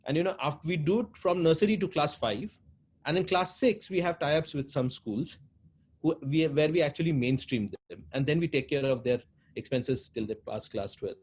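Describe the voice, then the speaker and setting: The head of a social foundation, a man with an Indian accent, speaks as an interview guest and gives long, earnest explanations, often repeating phrases for emphasis. His voice sits on the high side with a darkish tone and a moderate pace. The background is clearly noisy.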